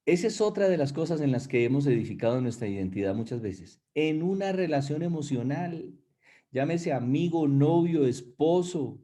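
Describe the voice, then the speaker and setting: A male pastor preaching a sermon, his voice set fairly high with a mellow, soft tone. He talks emphatically and directly to the congregation, speeding up and slowing down to stress points. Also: animated. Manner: emphatic preaching with shifting pace; addresses listeners directly.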